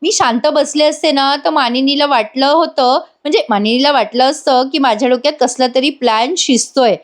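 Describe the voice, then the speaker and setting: A woman's voice: high-pitched, normal speed, close to an everyday voice. A woman reading the lines of a gossipy, sarcastic middle-aged aunt.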